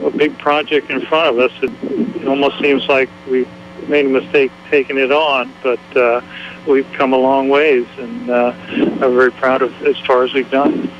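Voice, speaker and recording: A man in his fifties talks about his past in a modest, halting way. His pitch sits mid-range. The recording is a bit dull, with a faint noise bed. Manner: modest and halting, with small restarts and a soft laugh. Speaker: interview guest, former owner's son. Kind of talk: casual interview. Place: outdoors at an old mill. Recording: slightly muffled with faint background noise.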